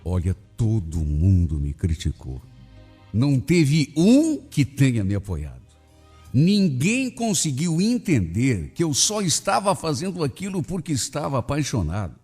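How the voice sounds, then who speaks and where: A male radio host reading a listener's love story aloud in an expressive, dramatic storytelling manner. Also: medium pitch, unhurried, husky, long reverb tail. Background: soft background music.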